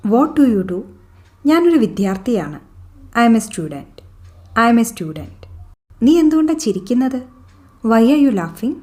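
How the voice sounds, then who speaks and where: Woman english teacher drilling phrases, says everything twice, warm mellow tone. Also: fairly high pitch. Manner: slow, deliberate, repeats each English sentence twice. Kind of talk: bilingual phrase drill lesson.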